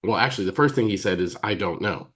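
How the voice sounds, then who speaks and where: A man with an American accent, giving a teaching talk as a therapist, emphatic and pausing deliberately, acting out quoted dialogue. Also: on the low side, a bit bright. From United States. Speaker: psychotherapist and trainer.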